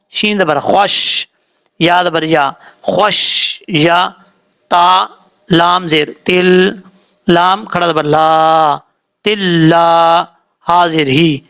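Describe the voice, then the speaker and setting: His voice sits high, gravelly and fairly bright as he teaches the Quran word by word in a Pakistani Urdu accent. He spells each letter and vowel mark out slowly, then rattles off explanations of the rules.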